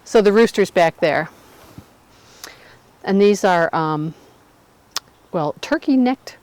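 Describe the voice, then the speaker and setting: A woman's voice: mid-range voice, animated, slow pace, darkish tone, no echo, low-quality recording. A woman interviewing local growers, asking encouraging questions.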